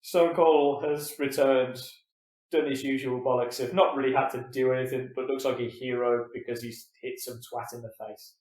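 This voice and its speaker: A man co-hosting a podcast in casual, animated, swear-filled chat. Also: mid-range voice, normal speed, roomy sound. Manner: animated, swears a lot, acts out voices in quotes. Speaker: podcast co-host.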